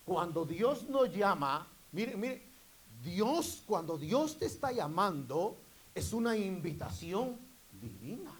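A man preaching a sermon to his congregation, repeatedly calling out to them and rising into loud, emphatic bursts. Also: sits high, sing-song, slow pace, rough recording.

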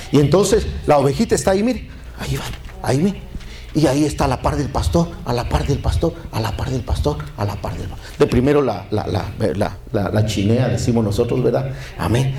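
A man preaches a sermon, pressing the congregation for amens. His voice rises and falls widely. It rings out in an echoey church. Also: medium pitch. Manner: lively, calls to the congregation for amens.

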